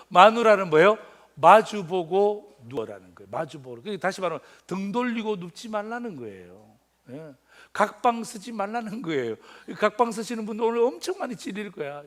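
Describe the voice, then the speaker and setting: A man in his fifties preaching a sermon with playful humor. His voice sits high and leaps about in pitch. He jumps from loud, excited exclamations to quiet, murmured asides. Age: 50s. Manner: animated, joking, swings between loud exclamations and quiet asides. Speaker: pastor.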